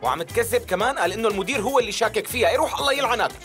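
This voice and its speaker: An irritable office gossip snipes in Syrian Levantine Arabic in a dubbed drama. Her speech is very fast and varied in pitch, over faint music. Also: animated, fairly bright tone. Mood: irritated. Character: gossipy, sharp-tongued, irritable office woman. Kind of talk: dubbed television drama dialogue.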